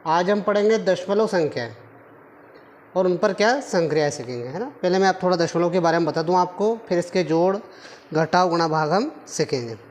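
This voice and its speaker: A man's voice: sits high, a little fast, a little hiss or hum. Guy teaching maths to kids, patient, keeps asking then answering his own questions, calls them kids. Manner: addresses pupils affectionately as children. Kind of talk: classroom lesson explaining at a board.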